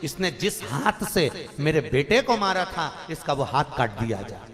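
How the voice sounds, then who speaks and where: A man's voice: a little high, big pitch swings, a little slow, fairly bright tone, big-room sound, heavily acted. A male preacher voicing a grieving king pronouncing judgment from his throne. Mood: stern. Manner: commanding, formal.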